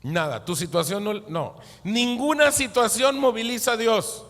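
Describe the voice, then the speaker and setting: A pastor preaches in a high voice with an unhurried pace. He drives his points home by asking questions and answering them himself, and his voice carries a long echo through a large church. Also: lively intonation, fairly bright tone. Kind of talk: sermon.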